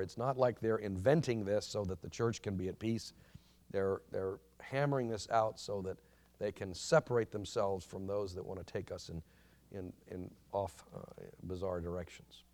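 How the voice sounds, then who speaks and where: A man teaching a church history class in an informal lecture, earnest and halting, with many restarts and fillers. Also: on the low side, gravelly, darkish tone.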